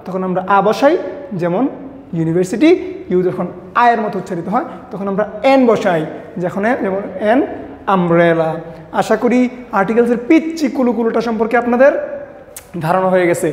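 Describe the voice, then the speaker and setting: A man's voice: sits high, a little mellow. A man, teaching an English grammar lesson and quizzing his listeners with repeated questions. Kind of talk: classroom lesson. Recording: echoey room with long reverb.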